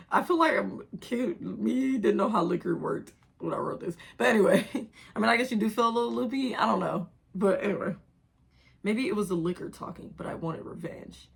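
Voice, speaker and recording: Embarrassed young woman reading aloud, creaky husky voice. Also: mid-range voice, fairly quick. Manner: playful, self-mocking. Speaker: reader of own old fan fiction. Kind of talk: casual reading aloud with running commentary.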